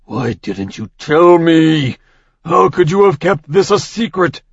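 A man's voice: mid-range voice, unhurried, no room sound, natural voice. A man voicing a furious, snarling king of the gods in an audiobook, in a slightly dull, dry recording. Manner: snarling, angry. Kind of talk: audiobook character voice.

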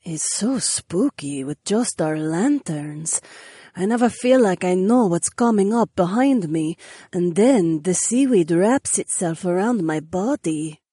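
A chirpy, easily startled young woman, played by a male narrator in a raised, breathy voice. She sounds bright and a little nervous. Close, dry audiobook recording. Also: high-pitched, expressive, measured pace, no room sound, pitched above the performer's own voice, full character voice. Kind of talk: audiobook character voice.

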